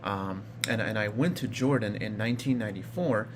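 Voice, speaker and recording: A man in his thirties from Iraq, a vlogger, casually tells his personal story in a rambling way, full of fillers and restarts. His voice is fairly low and his pace moderate, with background noise behind him.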